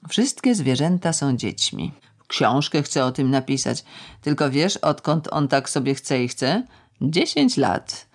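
A woman's voice: rumbling low, big pitch swings, heavily acted. Reader voicing a bitter, mocking tipsy woman. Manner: sardonic, ironic, with drawn-out slow words. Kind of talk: audiobook character reading.

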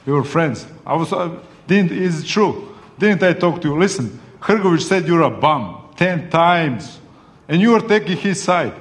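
A combative man talks as a boxer at a tense press conference. His voice sits fairly high for a man and carries a long echo from the hall around him. He swears freely and keeps calling his rival "brother". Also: lively intonation, a little slow. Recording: echoey hall.

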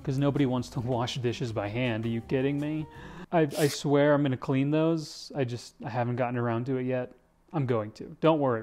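A man's voice: medium pitch, darkish tone. A young man giving a jokey, casual tour of a kitchen, filmed on a handheld camera in a house. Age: young adult. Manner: playful, jokey, says "dude" often. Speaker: English teacher vlogger. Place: kitchen of a large house, indoors. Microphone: handheld camera, selfie framing.

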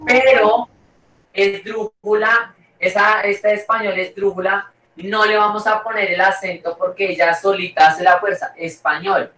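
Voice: mid-range voice, steady tone, moderate pace, hardly any pauses, bright, forceful tone, reverberant, far from the mic, rough recording. A teacher giving an online class, repeating each point and checking in with the students again and again. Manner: repeats and checks with "¿cierto?" and "¿listo?".

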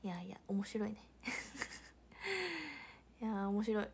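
A young idol livestreamer from Hiroshima, Japan, chats casually with a Hiroshima Japanese accent, reading viewer comments aloud and laughing often. Her voice is medium-pitched and slightly rough, very animated yet slow.

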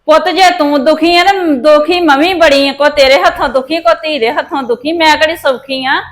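A woman's voice: high voice, normal speed, natural voice. A woman playing an aggrieved, long-suffering mother of grown children in a family drama. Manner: complaining. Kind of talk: dramatic dialogue in a family serial.

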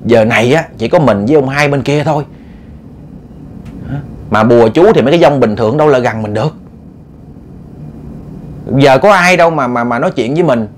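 A man voicing a frightened jungle hunter who talks in a low, hushed, stammering voice. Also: animated, brisk, pauses often, a little hiss or hum, close to an everyday voice. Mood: hushed uneasy. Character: frightened middle-aged male jungle hunter, whispering.

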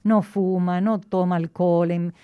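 A woman's voice: fairly low pitch, steady tone, a little slow, smooth, no room sound, muffled recording. A woman speaking through a face mask, explaining health topics in casual chat, often hesitating and bringing in religious references. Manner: plain explanations with frequent hesitations and restarts.

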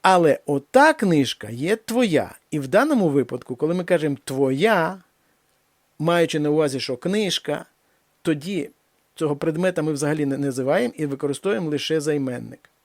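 Man teaching a language lesson, fairly high gravelly voice, slow careful examples, dry close sound. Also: animated, no room sound. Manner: slow, deliberate reading of examples, then explains. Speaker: Spanish teacher.

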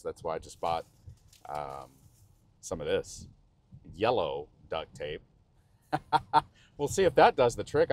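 A man with a Texan accent giving rambling, chatty commentary while driving a car in the rain, recorded on an action camera mounted inside. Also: low voice. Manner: chatty, rambling, self-interrupting. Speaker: vlogger.

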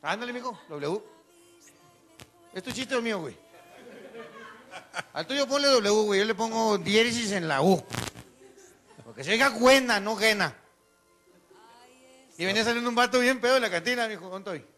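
A Mexican man doing stand-up, high-pitched and bright in tone. He tells crude, slang-heavy jokes, laughs at his own punchlines and now and then acts out drunk characters. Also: expressive, brisk, long pauses, soft background music. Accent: Mexican Spanish. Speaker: stand-up comedian. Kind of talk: stand-up joke telling.

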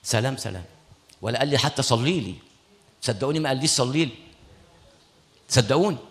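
A man's voice: mid-range voice, expressive, fast. A man with an Egyptian accent, a priest preaching a sermon and retelling conversations from his ministry, acting out both sides. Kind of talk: sermon with storytelling. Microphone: studio broadcast mic.

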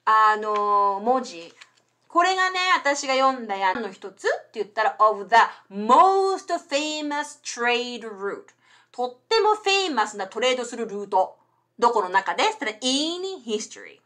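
A middle-aged woman hosts a chatty bilingual livestream lesson into a desk mic. Her fairly high voice swings widely in pitch as she quizzes herself on each phrase. She reads the English sentences slowly and carefully before unpacking them in Japanese. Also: big pitch swings, pushed and bright. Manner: explains English phrases in Japanese, asks and answers her own quiz questions. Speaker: English teacher and livestream host.

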